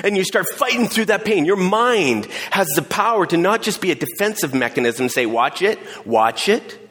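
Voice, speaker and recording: Man preaching, animated, acts out inner voices, husky tone, big reverberant hall. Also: high-pitched, fairly quick. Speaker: pastor. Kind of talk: sermon.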